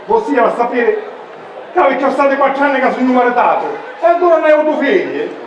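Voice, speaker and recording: Simple pleading sicilian villager, super high voice, comedy play, distant echoey hall. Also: male voice, animated, fast, dull audio, some chatter behind, a little hiss or hum. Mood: nervous, confiding. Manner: repetitive verbal tic, pleading. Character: simple-minded eager married villager longing for a son. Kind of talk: amateur dialect stage comedy. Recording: very echoey hall from far off, audience.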